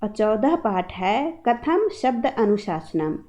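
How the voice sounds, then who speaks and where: A woman teacher, going through the syllabus for students in an online lesson and giving slow, clear instructions. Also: medium pitch, sing-song, warm tone, slight background noise.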